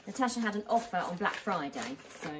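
A woman's voice: medium pitch, expressive, a little fast, noisy background. A British woman in her thirties chatting casually as a vlog co-host in her living room.

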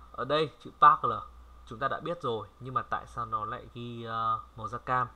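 A man from Vietnam giving a casual language lesson, chatty and repeating words slowly for viewers to copy. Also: medium pitch, pushed and bright. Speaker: French language tutor. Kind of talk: casual screen-recorded lesson.

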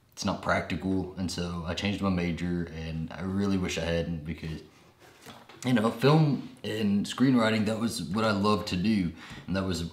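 Young man, casual vlog chat, rambling, lowish voice, roomy echo. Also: slight background noise. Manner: rambling, laughs often, many restarts. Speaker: vlogger and filmmaker.

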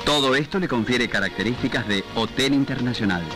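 A man's voice: medium pitch, loud music behind the voice. A man with an Argentine Spanish accent giving formal, declamatory narration on an old newsreel soundtrack. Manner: measured, declamatory. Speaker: newsreel announcer.

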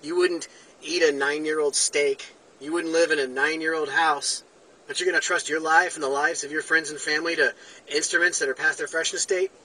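A man in his forties vlogging in a deadpan, mock-earnest satirical style. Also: a little high, fairly quick, slight background noise, poor audio. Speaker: vlogger pilot. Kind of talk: satirical vlog. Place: home room, then small plane cockpit, then outdoors.

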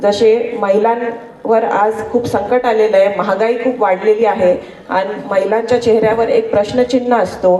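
A woman from Maharashtra, India, speaking as an election candidate in a political campaign speech, delivered in measured, halting phrases with pauses. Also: fairly high pitch, warm tone. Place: public rally through a sound system. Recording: roomy echo, distant mic, faint noise.

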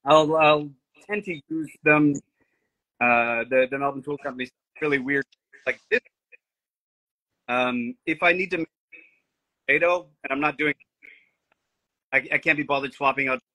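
A man speaking as a guest woodworker over a video call, his audio glitching and dropping out in gaps, so his phrases come through halting and fragmented. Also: mid-range voice, pushed and bright, dry recording, poor audio. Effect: glitchy audio cutting out in gaps. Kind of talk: casual live-stream chat.

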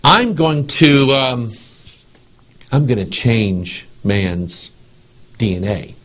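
A man voicing a scheming male devil in a sly, hushed, musing way during a Bible teaching. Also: medium pitch, lively intonation, drawn-out words, pitched below the performer's own voice, full character voice. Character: scheming male devil plotting against mankind.

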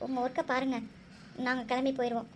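A woman doing a calm, polite young friend. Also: sits high, fast talker, a little hiss or hum, lightly acted.

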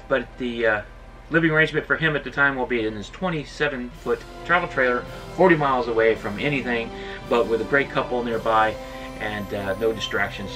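A man's voice: medium pitch, sharp tone. A middle-aged man chatting casually to camera in his RV, upbeat and full of fillers. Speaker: RV travel vlogger. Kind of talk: casual vlog talk to camera. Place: inside an RV decorated for Christmas. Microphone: camera at a distance. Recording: voice a little far from the mic, music behind.

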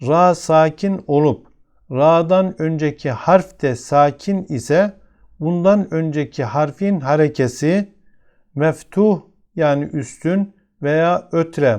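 A man's voice: on the high side, a little mellow, clean tone. A man with a Turkish accent teaching a tajweed lesson step by step, patiently repeating each example word. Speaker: Quran recitation teacher.

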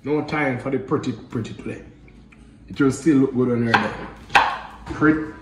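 A man's voice: mid-range voice, normal speed. Jamaican guy in his 30s chatting while he cooks, laid back, mic kinda far off, echoey kitchen. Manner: easygoing, chatty, patois-flavored banter. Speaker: cooking vlog host. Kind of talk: casual cooking demo. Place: home kitchen, indoors. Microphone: camera mic at a distance. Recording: roomy kitchen echo, distant mic, clear background noise.

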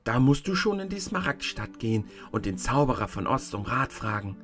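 A man reading a storybook aloud and voicing a tiny, kindly old woman who is the good witch, softly and higher than his own voice. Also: very animated, moderate pace, music in the background, close to an everyday voice. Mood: gentle. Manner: soft, gentle storyteller voice raised higher.

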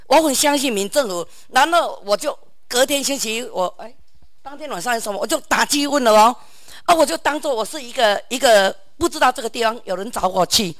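A middle-aged woman with a Taiwanese accent, telling an animated personal story to a group and acting out the phone calls. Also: fairly high pitch, no room sound. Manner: many sentence-final particles and restarts. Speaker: audience member sharing a story. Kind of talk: personal anecdote at a meeting.

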